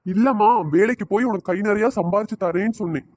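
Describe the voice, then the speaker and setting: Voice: mid-range voice, quick pace, darkish tone, dry recording, natural voice. A performer voicing a teasing, cajoling idle young man in a cartoon. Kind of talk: cartoon voice acting.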